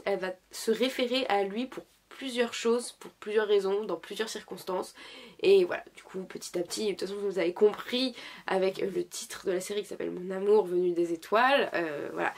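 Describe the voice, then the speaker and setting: A young woman talks casually to her viewers while sick, pausing often to search for words. Her voice sits at an ordinary pitch but carries a gravelly, creaky fry. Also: a little mellow. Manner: hesitant, many fillers and restarts. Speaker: YouTuber reviewing dramas. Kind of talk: casual chat.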